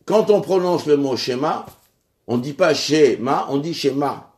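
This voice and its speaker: Measured, halting male religious teacher. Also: a little high, expressive, darkish tone. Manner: measured, halting, with many restarts and pauses. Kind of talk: religious lesson.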